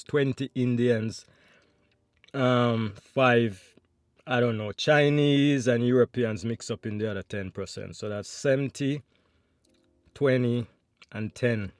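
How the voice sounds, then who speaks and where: A man's voice: mid-range voice, unhurried, dry recording, clean studio sound. A Jamaican man chatting to viewers between bites in a mukbang eating vlog at home. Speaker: food vlogger.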